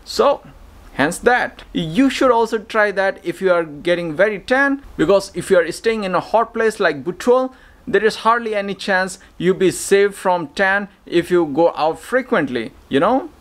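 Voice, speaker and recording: This vlogger, a thirty-something man from Nepal, speaks in a high, animated voice at a measured pace, addressing viewers directly and upbeat. Shot on a phone at arm's length, the vlog moves from streets, a stairwell and a gym at dawn into a bedroom, with clear background noise.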